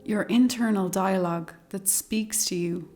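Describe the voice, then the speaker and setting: Over meditation music and singing bowls, a woman with a medium-pitched voice leads a guided meditation. Her pace is slow and measured, her tone calm and soothing, and she leaves long pauses.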